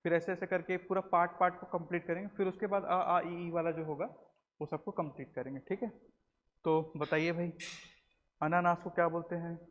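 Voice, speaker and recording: Male teacher, slightly high voice, quizzing the class in a long-echo room on a dull recording. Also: little pitch movement, fairly quick. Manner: quizzes the class, repeats answers, says "ठीक है" often. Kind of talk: classroom lecture.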